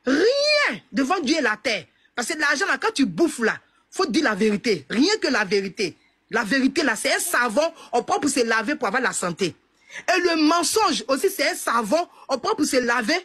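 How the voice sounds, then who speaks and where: A woman's voice: high voice, fairly bright tone, slightly rough. A middle-aged woman with an Ivorian French accent, giving emotional testimony in an emphatic, repetitive way. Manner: emphatic, repetitive, proverb-laden. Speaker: interviewee, family member of a deceased man.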